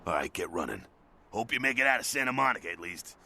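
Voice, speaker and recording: A gruff, streetwise vampire from a video game who talks in an urgent, blunt, sardonic way. His voice is low but swings widely in pitch, with a bright, forceful edge, and a faint hiss sits behind it. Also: very animated, fast, heavily acted.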